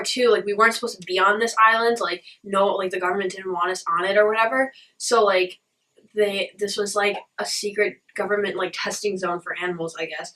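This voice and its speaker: A young woman casually telling a story in a puzzled, rambling way, as if piecing together a dream, with animated quoted asides. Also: mid-range voice, distant mic, poor audio. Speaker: vlogger recounting a dream.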